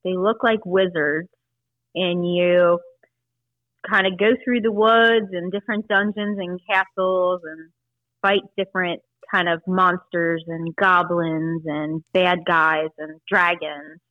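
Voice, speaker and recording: A woman in her fifties, chatty and quick to laugh, answering questions in a casual family interview at home. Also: fairly low pitch, steady tone, no echo, dull audio. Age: 50s. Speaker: interviewee, aunt.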